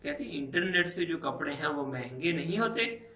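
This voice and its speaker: A man's voice: on the high side, animated, normal speed, sharp tone, far from the mic. A man teaching a textbook language lesson, explaining each phrase step by step and checking in often. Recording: echoey room, voice set back from the mic.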